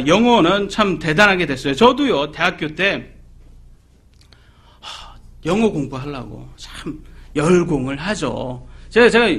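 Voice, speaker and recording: Male preacher, middle-aged, high and husky voice, animated sermon delivery with questions to the congregation. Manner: animated, asks the audience questions; acts out quoted people in voices.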